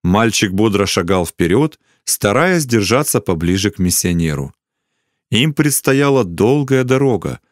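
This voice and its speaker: Low-voiced man reading a children's story. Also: big pitch swings, measured pace, no echo, clean studio sound. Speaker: narrator.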